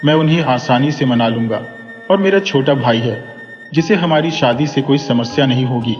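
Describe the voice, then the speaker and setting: A man's voice: medium pitch, normal speed, close to an everyday voice. A lovestruck young professor, playful and coaxing, delivered in a man's ordinary mid-range voice, as the narrator puts him on. The recording is dull and echoey, with faint music beneath it. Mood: affectionate. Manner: warm, coaxing, teasing.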